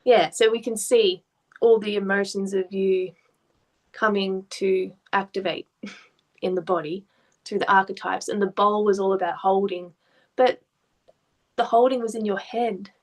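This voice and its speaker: A woman art therapist with a mid-pitched voice, talking gently through a client's artwork. She asks careful questions and explains what the marks might mean in a calm, conversational way. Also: measured pace, long pauses, poor audio.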